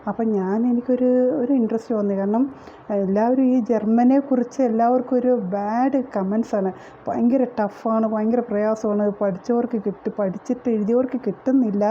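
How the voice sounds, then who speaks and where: A woman's voice: a little high, steady tone, normal speed. A middle-aged woman who works as a teacher, recounting her experience in a rambling way with many fillers and restarts. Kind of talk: casual personal testimony. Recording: dull lo-fi recording with faint noise.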